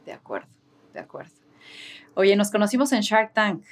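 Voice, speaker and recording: A woman's voice: medium pitch, expressive, moderate pace. A woman interviewing a guest, friendly, asking questions and affirming her answers. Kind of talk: casual interview chat.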